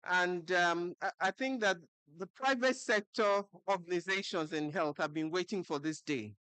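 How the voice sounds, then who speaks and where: A woman's voice: lowish voice, moderate pace, fairly bright tone, clean tone, no room sound. A woman giving a goodwill speech at a launch, conversational and full of fillers. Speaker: president of a health federation.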